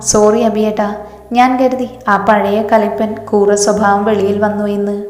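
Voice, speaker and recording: A woman's voice: mid-range voice, level tone, moderate pace, darkish tone, lightly acted. A woman voicing a cheeky, teasing younger sister who talks in a playful, mischievous way. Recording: echoey hall reverb.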